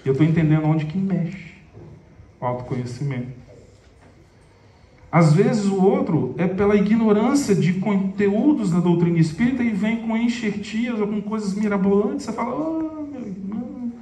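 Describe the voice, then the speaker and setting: A man with a Minas Gerais accent tells a story to a live audience in a loose, chatty way, often turning to speak to them directly. His voice is mellow and sits a little high. He sounds far from the mic in an echoey hall. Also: moderate pace. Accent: Minas Gerais Portuguese. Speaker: spiritist lecturer. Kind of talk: informal storytelling lecture.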